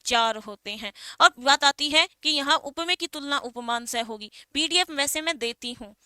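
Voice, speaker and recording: Woman, teacher, exam-prep lecture; high pitched, dry close sound, asks and answers her own questions. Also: normal speed, sharp tone, no room sound. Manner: explains with rhetorical questions, calls students beta and bhai. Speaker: Hindi teacher.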